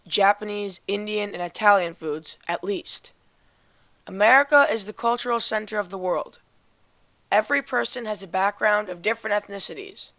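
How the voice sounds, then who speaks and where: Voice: mid-range voice, gravelly, a bit bright, no echo. Brief: teen student, firm narration, dry booth sound. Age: teens. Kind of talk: scripted narration.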